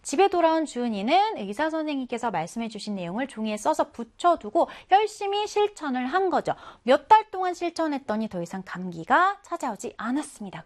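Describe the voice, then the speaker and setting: In a high voice, a woman teacher gives a children's reading lesson, explaining things in a coaxing way. She asks questions and then answers them herself.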